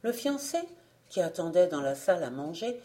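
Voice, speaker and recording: A woman reading a folk tale aloud as an audiobook narrator, gentle and even. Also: on the low side, moderate pace. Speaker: audiobook reader.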